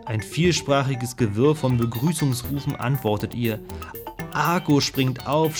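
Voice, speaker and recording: A man giving scripted audiobook narration in a vivid, expressive storytelling manner. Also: mid-range voice.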